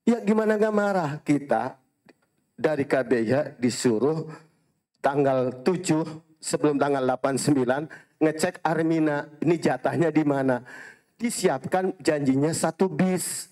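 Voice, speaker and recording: Animated high-voiced preacher. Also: male voice, measured pace. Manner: animated storytelling, quoting Arabic phrases, addressing audience as Pak, Bu. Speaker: Islamic preacher and hajj guide. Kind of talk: sermon with anecdotes.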